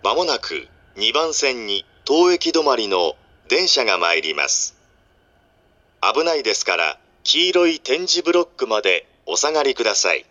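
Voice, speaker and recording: A man giving a formal, scripted train station announcement in a measured manner. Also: medium pitch, very animated, bright, forceful tone, dry recording, lo-fi sound.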